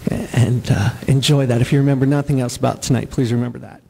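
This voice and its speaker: A man in his forties doing live stand-up comedy before an audience, playful with drawn-out punchlines. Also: mid-range voice, steady tone, creaky, mellow, husky, big-room sound, low-quality recording. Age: 40s. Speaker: comedian and singer.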